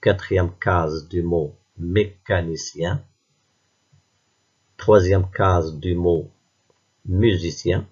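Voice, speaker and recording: A man teaching a reading lesson to young pupils, patient and pronouncing each word slowly one by one. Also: low-pitched, steady tone, a little mellow, breathy edge, lo-fi sound. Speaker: primary school teacher.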